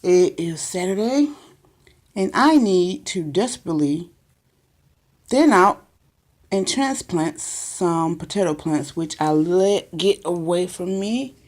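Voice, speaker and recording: Woman, casual greenhouse tour, slightly low voice, chatty, meandering with ums, handheld phone sound. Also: lively intonation, slow, darkish tone. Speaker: gardening vlogger. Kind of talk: casual home video tour. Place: small makeshift greenhouse, indoors.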